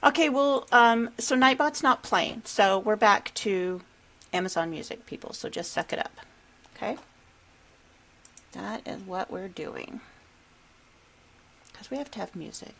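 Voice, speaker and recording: A woman's voice: medium pitch, measured pace, gravelly, pauses often, fairly bright tone. A middle-aged woman, hosting a livestream in a chatty way and laughing easily. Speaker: livestream host. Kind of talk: casual chat.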